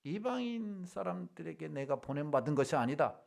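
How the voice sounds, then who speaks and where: Male pastor, gravelly and higher-pitched; dramatic sermon, acts out quotes, big loud-soft swings. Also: expressive, moderate pace. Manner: dramatic sermon delivery, acting out Bible quotes with sudden swings in loudness.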